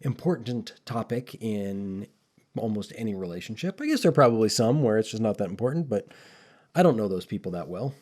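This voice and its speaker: A man's voice: fairly low pitch, lively intonation, a little fast, darkish tone. A man co-hosting a podcast, talking casually and thoughtfully, rambling with frequent restarts. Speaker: podcast co-host.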